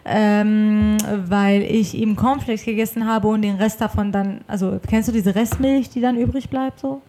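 A woman's voice: medium pitch, steady tone, moderate pace, dark tone. A woman co-hosting a casual podcast from her apartment, talking animatedly with dramatic exclamations. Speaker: podcast co-host.

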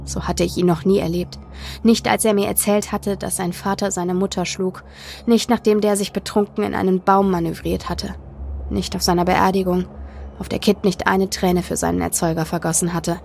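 Gravelly-voiced woman narrating an audiobook. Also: medium pitch, level tone, moderate pace, darkish tone, a little hiss or hum. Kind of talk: audiobook narration, first person.

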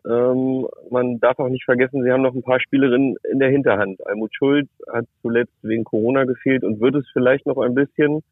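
A man speaking over the phone from his car, a reporter giving a relaxed, matter-of-fact take in casual chat. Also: medium pitch, husky, no room sound. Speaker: reporter and club expert. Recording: tinny dry phone line.

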